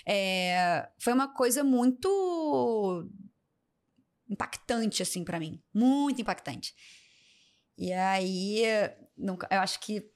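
A woman's voice: mid-range voice, slow pace. A young woman, a podcast guest telling a personal story and acting out the people in it. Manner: animated, acts out the people in her story. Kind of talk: casual storytelling in an interview.

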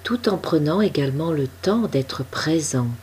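A woman leading a guided meditation, giving soft, calm instructions. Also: deep voice, a little slow, slight background noise.

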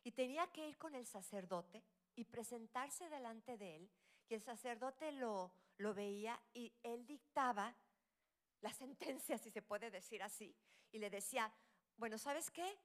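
A woman's voice: fairly high pitch, expressive, unhurried. Woman preaching with dramatic swings. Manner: dramatic, swings between loud exclamations and hushed whispers. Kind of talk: sermon.

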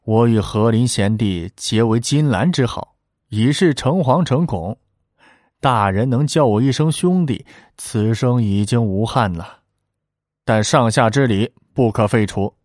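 A man's voice: medium pitch, measured pace, a little mellow, dry recording, studio quality, natural voice. A man voicing a nervous, fawning middle-aged official who speaks humbly and over-politely. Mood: humble.

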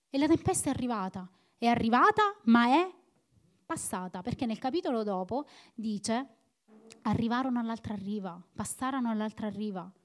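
Earnest woman preaching, somewhat high voice. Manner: earnest, exhorting, repeats phrases for emphasis. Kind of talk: sermon.

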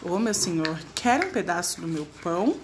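A woman voicing a wailing male monkey in a storybook read-aloud, crying in a high whiny voice. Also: expressive, normal speed, background noise, close to an everyday voice. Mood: friendly, eager. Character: wailing childlike male monkey, tail lost.

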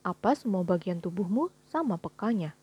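A woman voicing a calm, patient angel who explains things evenly, in a storybook reading, with a breathy voice. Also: mid-range voice, moderate pace, muffled recording.

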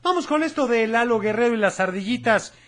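A man's voice: extremely high pitch, lively intonation, a little fast, fairly bright tone. A man hosting a children's radio show, cheerful and talking straight to the kids.

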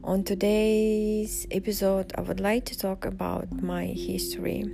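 Background music plays as a Russian-speaking vlogger from Uzbekistan, a woman in her 40s, shares personal stories. She talks slowly and reflectively, pausing often, in a husky, mid-range voice with a level tone.

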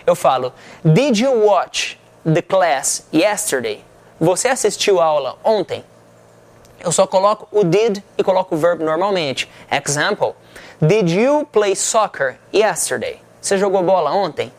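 A man teaching an English lesson, who repeats each example slowly and translates it. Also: sits high, lively intonation. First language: Portuguese. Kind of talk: language lesson to camera.

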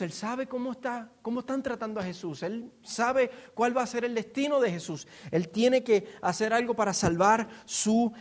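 A man with a high-pitched yet darkish voice and a Puerto Rican accent gives an informal expository sermon. Storytelling as he goes, he explains scripture, plays out quotes and asks rhetorical questions.

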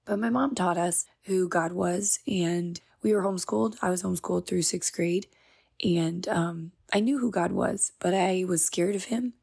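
A woman in her thirties, hoarse from being sick, earnestly telling her personal story as a podcast host. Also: fairly low pitch, normal speed, darkish tone. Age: 30s. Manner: earnest, confiding. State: hoarse from illness.

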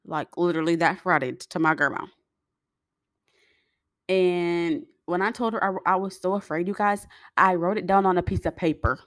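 A woman's voice: lowish voice, fairly even intonation, normal speed, no echo, clean studio sound. A young woman, chatting straight to her viewers in a storytime vlog, full of fillers and asides. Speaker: vlogger.

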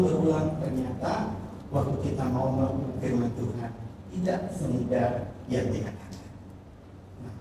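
A man's voice: high voice, mellow, slight background noise. A man preaching a sermon, telling a humorous story and acting out its characters' lines. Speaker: pastor. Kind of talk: sermon with a told joke. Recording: echoey hall from far off.

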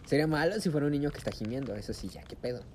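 A man's voice: fairly high pitch, expressive, rapid-fire, slight background noise. A young man with a Mexican accent, co-hosting a podcast in casual, slangy chat, joking around and trailing off mid-thought. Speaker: podcast co-host.

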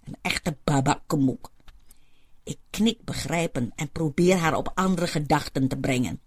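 A woman's voice: low voice, a little slow, husky. A woman telling a first-person story in a chatty, homely way.

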